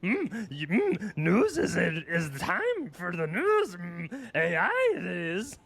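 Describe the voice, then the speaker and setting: A man's voice: high-pitched, wildly swooping pitch, drawn-out words, fairly bright tone, exaggerated voice. A man putting on a humming backwards-talking old alien sage. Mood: ponderous. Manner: inverted word order, humming "mm" between phrases.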